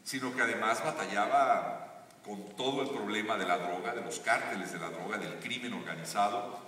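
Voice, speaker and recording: Man, earnest motivational stage talk, lowish voice, distant theater recording, heavy echo. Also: normal speed, bright, forceful tone, slight background noise. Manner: earnest, building to emphatic climaxes. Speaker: guest speaker on a live stage talk. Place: large theater stage with audience. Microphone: stage PA, recorded from the audience seats. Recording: echoey theater audio from far off.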